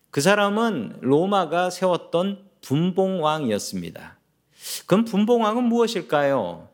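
Animated male pastor preaching. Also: on the high side. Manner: storytelling, asks the congregation questions. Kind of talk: sermon.

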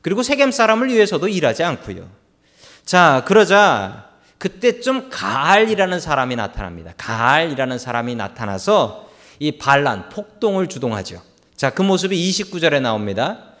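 Animated male pastor in an echoing hall. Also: fairly high pitch, normal speed. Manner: lively storytelling, voicing biblical figures and calling on the congregation. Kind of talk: Sunday sermon. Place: church sanctuary.

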